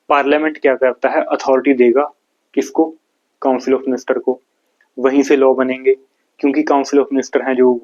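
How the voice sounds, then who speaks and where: A man's voice: mid-range voice, darkish tone, muffled recording. A man from India with a Haryanvi accent, teaching an exam-prep lecture, explaining step by step and asking and answering his own questions.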